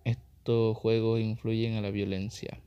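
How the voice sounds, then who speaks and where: A man's voice: lowish voice, level tone, a little slow, lo-fi sound, slight background noise. A man giving casual gameplay commentary as a gaming YouTuber, taunting opponents and repeating his phrases.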